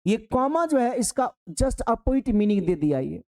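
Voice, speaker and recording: A man teaching an online exam-prep grammar lesson. He speaks straight to his students, works slowly through an example and repeats key phrases for emphasis. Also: very high-pitched, sing-song, dark tone.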